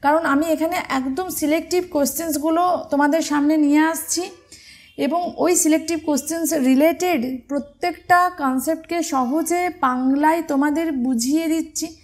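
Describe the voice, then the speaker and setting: A woman's voice: sits high, a little mellow. A woman from teaching an exam-prep grammar lesson, patient and step by step, asking her students questions as she goes.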